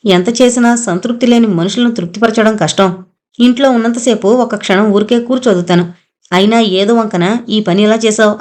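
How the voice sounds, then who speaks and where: A woman reading an audio novel aloud, narrating in a steady, even storytelling manner. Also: medium pitch.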